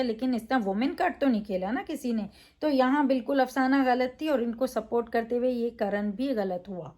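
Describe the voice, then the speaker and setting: A woman's voice: fairly high pitch, a little mellow. A woman reviewing a reality show in a casual, opinionated way, emphatic, with frequent fillers.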